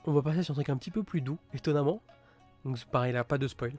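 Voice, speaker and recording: Male streamer, mid-pitched, chatty and halting, soft music under the voice. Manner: rambling, many fillers and restarts; enthusiastic about gory titles. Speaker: streamer reviewing manga. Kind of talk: casual live-stream chat.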